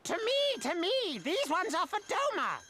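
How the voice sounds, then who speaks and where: A woman's voice: very high voice, huge pitch swings, a little slow, fairly bright tone, slight background noise, full character voice. A woman voicing a sly, fawning fish-folk creature in a video game cutscene, obsequious and scheming like a shady merchant. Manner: obsequious, repeats "yes, yes".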